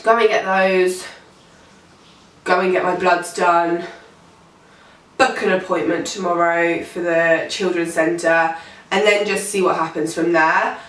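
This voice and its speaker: A woman's voice: on the low side, steady tone, unhurried, pauses often, fairly bright tone, distant mic. A pregnant young woman in her late teens, talks casually to camera. She rambles and fills her speech with "um" and "like". Her voice comes through an echoey room from a mic set back from her. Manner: rambling, chatty, many fillers. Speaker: vlogger.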